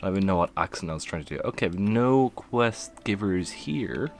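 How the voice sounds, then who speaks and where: A man's voice: sits low, expressive, moderate pace. A man giving casual, playful commentary while streaming a game, laughing and humming to himself as he plays.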